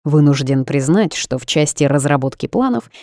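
A woman's voice: low voice, lively intonation, normal speed, darkish tone, dry recording, clean studio sound. A woman doing a smug seductive boss. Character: smug seductive male boss, calm and commanding.

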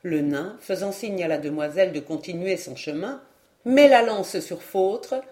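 A woman narrating a medieval romance as an audiobook reader, in a clear, measured reading style. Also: mid-range voice, dark tone.

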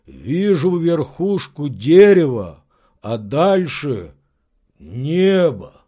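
A man reading an audiobook, voicing a sly old male servant who drawls loudly from far up. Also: fairly high pitch, very animated, exaggerated voice. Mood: calling out. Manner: slow drawl, calls out from afar.

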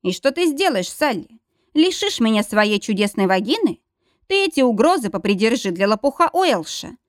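A jealous, grumpy old man of seventy-five, as a woman narrator reads him, grumbling and sulking in a lively-pitched voice. The recording is dry and close. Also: normal speed, no room sound. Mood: sulky. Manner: grumbling, sulky.

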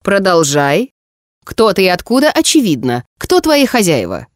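A woman voicing a stern, cold woman investigator with a creaky voice, questioning slowly and demandingly in an audiobook. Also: medium pitch, huge pitch swings, no room sound, clean studio sound. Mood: stern, menacing. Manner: slow, demanding interrogation. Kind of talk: audiobook character voice.

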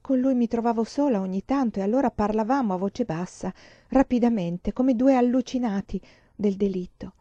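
Dark-voiced woman reading a novel dramatically. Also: a little high, dry recording, dull audio. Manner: dramatic, slows and drops to near whispers for tension. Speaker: reader of a novel. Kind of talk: expressive literary reading.

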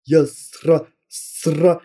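A man's voice: on the high side, flat delivery, very slow, warm tone, breathy edge, pitched above the performer's own voice, full character voice. A man voicing a nervous schoolboy who stutters on his first sounds, in an audiobook. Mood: desperate.

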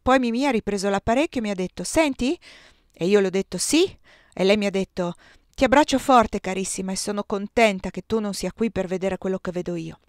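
A woman reading aloud, voicing a lively woman friend who retells a phone call quickly and mimics the people in it. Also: medium pitch, dry recording, clean studio sound, lightly acted.

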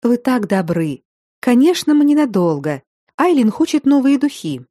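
A woman voicing a bold, playful young noblewoman with a brisk, theatrical manner. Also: fairly high pitch, very animated, dark tone, no echo, clean studio sound, voice pushed up.

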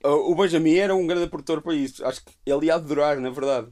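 A man's voice: fairly high pitch, fast, a little mellow. A young man chatting casually with friends about music, explaining in slangy bursts with repeated starts.

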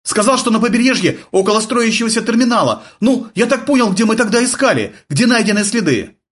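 A man voicing a flustered, excitable young army sergeant who blurts and yelps his lines in an audiobook. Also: brisk. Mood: reporting. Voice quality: shrill, blurting, agitated. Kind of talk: audiobook character voice.

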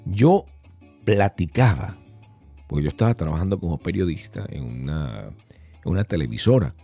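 Husky deep Venezuelan man, animated podcast talk. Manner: playful, jumps between topics, acts out quoted slang voices. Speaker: podcast host. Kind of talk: casual monologue podcast.

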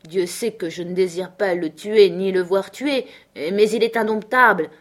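A woman reading the lines of an earnest, gentle man who pleads for his wild dog in an audiobook. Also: medium pitch, unhurried, close to an everyday voice.

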